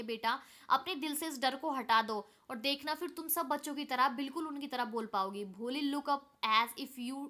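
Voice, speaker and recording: Bright high-voiced woman teacher. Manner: reads English lines slowly, then explains them in Hindi. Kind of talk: explaining an English chapter in Hindi.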